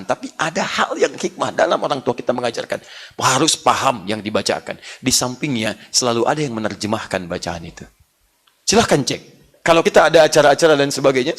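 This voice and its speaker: A man giving a lively religious lecture, swinging from hushed earnest passages to loud playful asides. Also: medium pitch. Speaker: Islamic preacher.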